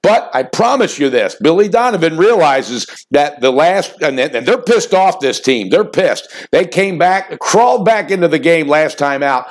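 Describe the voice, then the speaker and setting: A man's voice: expressive, unhurried, hardly any pauses. Fired-up man in his fifties, picks host. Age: 50s. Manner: fired-up, folksy, swings between loud bursts and low asides. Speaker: sports betting picks host. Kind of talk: energetic sports picks monologue.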